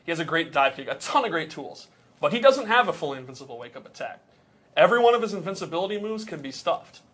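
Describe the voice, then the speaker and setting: Higher-voiced man explaining game mechanics. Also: big pitch swings, quick pace, a bit bright. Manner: patient, walks through examples step by step. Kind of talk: casual technical explanation.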